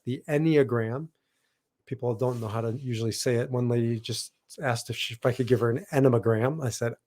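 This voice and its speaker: A man's voice: medium pitch, little pitch movement, quick pace, darkish tone. A middle-aged man hosting a solo podcast as a logotherapist, talking casually and correcting himself with asides as he goes. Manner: rambling, self-correcting, with asides.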